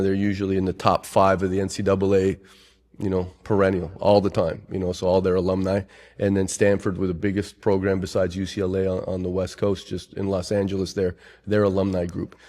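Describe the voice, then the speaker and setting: A man's voice: low voice, monotone, fairly quick, mellow. A middle-aged man, a soccer coach, chatting on a podcast and explaining tactics in a rambling way, with frequent restarts. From Chile. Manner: rambling, detail-focused explanations with many restarts. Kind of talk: casual podcast chat.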